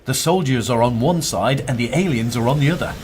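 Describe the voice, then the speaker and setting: A man's voice: medium pitch, fairly quick, heavy background noise. A man narrating a homemade comic adventure story in a plain storytelling manner. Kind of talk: read-aloud comic story.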